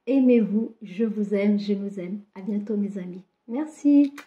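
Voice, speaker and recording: A woman's voice: mid-range voice, unhurried. A woman card reader giving a weekly spiritual guidance to her viewers, affectionate and encouraging, with frequent little fillers. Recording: dull lo-fi sound.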